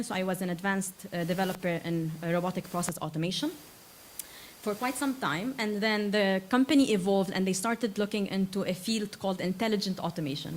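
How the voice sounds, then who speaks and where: A woman's voice: medium pitch, a little hiss or hum. A woman in her thirties from Lebanon, giving a conference talk to students and filling her speech with uh and um as she restarts phrases. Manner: frequent uh and um fillers, self-correcting restarts. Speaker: invited tech speaker.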